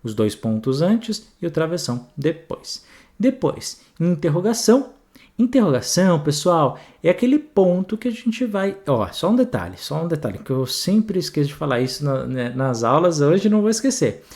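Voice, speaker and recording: Speaking with a Brazilian Portuguese accent, a man teaches an exam grammar lesson in a chatty, animated way, often checking in with his students. His pitch is fairly high and his speed normal.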